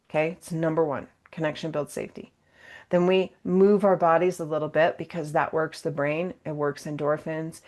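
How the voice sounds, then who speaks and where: A woman's voice: lowish voice, a little mellow. A woman presenting a yoga and mindfulness workshop in a casual, encouraging conversational way. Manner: casual, encouraging, checks in with "okay?"; acts out everyday exchanges in a playful voice. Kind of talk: conversational training talk.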